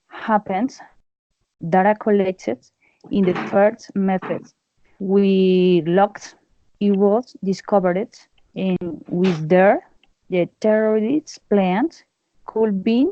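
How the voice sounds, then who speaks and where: A woman in her twenties, a Spanish speaker and English student, speaking careful, halting English on a video call. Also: medium pitch, mellow, no echo. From Colombia. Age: 20s. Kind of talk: introduction and answer in class discussion. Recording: muffled video call audio.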